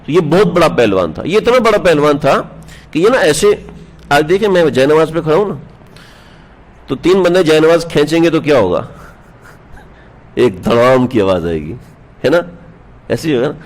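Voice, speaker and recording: A man's voice: fairly high pitch, very animated, pauses often. A male religious scholar giving a sermon, telling stories with rhetorical questions to his listeners and chuckling now and then. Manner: chuckles while telling anecdotes. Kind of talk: Urdu sermon on the Prophet's life. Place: standing on a prayer mat, indoors.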